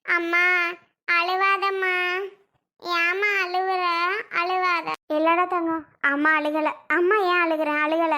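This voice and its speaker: Woman playing a shrill pleading mother. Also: level tone, slow, pauses often, sharp tone, exaggerated voice. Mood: soothing. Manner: pleading and self-blaming, often tearful. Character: pleading mother, wife of a failed son. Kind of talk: amateur family drama skit.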